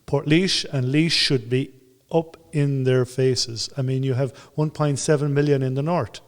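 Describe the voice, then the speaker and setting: An enthusiastic man from Ireland speaks on a panel and tells stories, voicing other people's lines as he goes. His voice sits at an ordinary pitch, and the large old room gives it a long reverb. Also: steady tone, measured pace. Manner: storytelling, acts out quotes, enthusiastic. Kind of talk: panel discussion.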